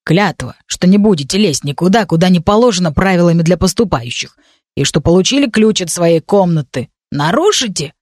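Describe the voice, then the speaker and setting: A woman voicing a gruff, grumbling male goblin doorkeeper in an audiobook, curt and growling. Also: fairly low pitch, lively intonation, brisk, darkish tone, no echo, clean studio sound.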